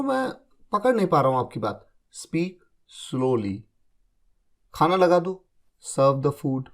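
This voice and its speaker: A male English teacher with a high, bright-sounding voice talks through example sentences one by one. He explains patiently, keeps checking that his students follow, and reads the English phrases slowly and deliberately. His pitch swings up and down a great deal as he talks. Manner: explains patiently, checks understanding with repeated confirmations. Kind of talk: spoken English lesson in Hindi.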